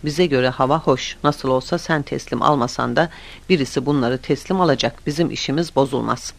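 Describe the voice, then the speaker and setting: A man's voice: medium pitch, a little fast, creaky. A man voicing a cynical, worldly male warehouse keeper who talks in a mocking, matter-of-fact way.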